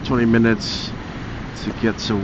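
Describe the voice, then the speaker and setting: A man's voice: medium pitch, level tone, normal speed. Muffled man motovlogging inside a helmet. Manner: rambling, muttering to himself, casual swearing. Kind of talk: casual vlog chat while riding a motorbike. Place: inside a motorcycle helmet, riding outdoors on roads. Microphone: helmet-mounted mic close to the mouth. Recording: muffled helmet mic, faint vehicle noise.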